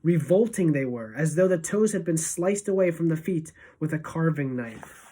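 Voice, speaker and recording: A woman teacher reading a novel aloud to students, expressive and shifting between hushed and emphatic. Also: sits low, normal speed, slight background noise, rough recording.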